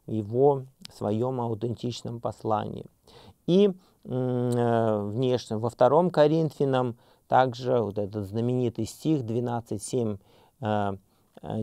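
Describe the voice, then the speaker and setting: A middle-aged man giving an unscripted seminary lecture, hesitant, with many fillers and restarts, slowing down when he reads scripture aloud. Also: medium pitch, gravelly, dark tone, dry recording.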